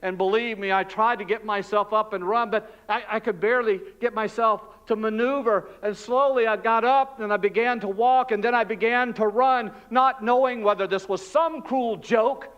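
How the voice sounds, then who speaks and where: A pastor acting out Barabbas, a frightened freed male prisoner, in an emotional, hushed and halting dramatic monologue in a church. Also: high-pitched, steady tone, clear, resonant tone, lo-fi sound, close to an everyday voice. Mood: breathless. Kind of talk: dramatic first-person monologue. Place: church sanctuary.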